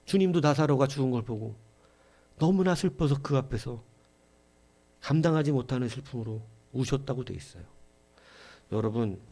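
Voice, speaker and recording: A middle-aged male pastor preaching a Sunday sermon with passion, dropping to a hush and rising to shouts, acting out quoted voices. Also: mid-range voice, lively intonation, normal speed, long pauses. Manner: impassioned preaching, swinging from hushed to shouting.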